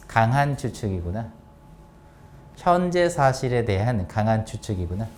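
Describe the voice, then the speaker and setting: A man teaching an English grammar lesson to students, often checking whether they follow and reading example sentences out slowly. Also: medium pitch, a little mellow.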